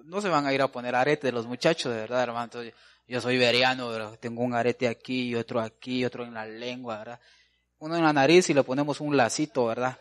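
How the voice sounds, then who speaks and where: A man's voice: mid-range voice, steady tone, fast, fairly bright tone. A man preaching a folksy sermon, calling listeners brother and answering his own questions.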